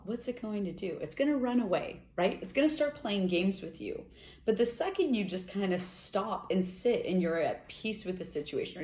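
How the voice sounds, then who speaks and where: A woman's voice: mid-range voice, darkish tone. Echoey woman fortune teller reading cards. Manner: chatty spiritual-advice delivery with frequent check-in tags like "okay" and "right". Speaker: tarot card reader, host. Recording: echoey room with faint background noise.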